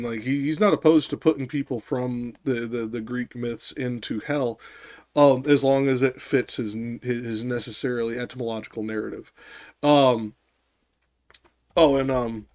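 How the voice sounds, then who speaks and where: A man hosting a casual live-stream discussion who rambles, restarts his sentences, fills pauses with ums and swears now and then. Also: mid-range voice, a little mellow, no room sound. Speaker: streamer host.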